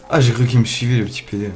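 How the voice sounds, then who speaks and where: A young man giving casual let's play commentary, excitable, swearing often, talking to his viewers, with loud startled outbursts. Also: medium pitch, background noise. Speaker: gamer playing a survival game. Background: faint game music.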